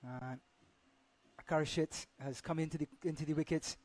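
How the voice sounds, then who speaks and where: A man's voice: on the high side, fairly even intonation, normal speed, darkish tone. A man commentating live on a cricket match as the play happens.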